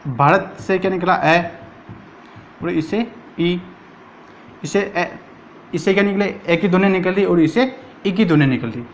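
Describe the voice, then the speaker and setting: Guy teaching grammar, kinda high voice, keeps asking and answering himself. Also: slight background noise. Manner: repetitive, asks and answers his own questions. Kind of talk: exam-prep grammar lesson.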